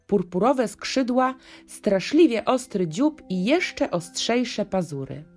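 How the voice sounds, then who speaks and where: A woman narrating a children's bedtime story in a gentle, expressive storytelling manner. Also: mid-range voice. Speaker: audiobook narrator. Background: faint music.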